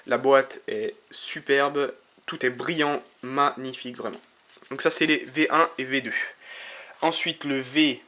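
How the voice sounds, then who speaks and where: A man giving casual, enthusiastic unboxing commentary to his viewers, pausing often with hesitations and praising everything he shows. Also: mid-range voice, sharp tone. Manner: enthusiastic, keeps calling things magnificent, frequent hesitations. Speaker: YouTuber unboxing playing-card decks.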